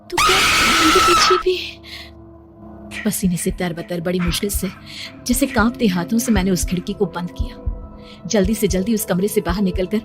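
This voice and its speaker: A woman narrating a first-person horror story in a fearful, dramatic way, as if reliving it. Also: mid-range voice. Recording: loud background music.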